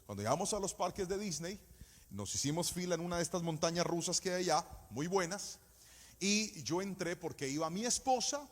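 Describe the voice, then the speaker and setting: A man preaching a sermon in a church, speaking in an animated, sing-song cadence that rises to shouts and mixes in personal stories. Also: sits high, brisk. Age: adult, married with a child. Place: church service. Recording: echoey church hall.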